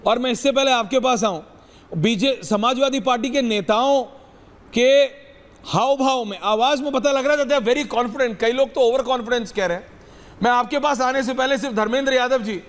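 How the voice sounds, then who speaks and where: A man's voice: very high-pitched, moderate pace, fairly bright tone, long reverb tail. A man anchoring a TV debate, emphatic and mixing English phrases into his speech. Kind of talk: TV debate hosting.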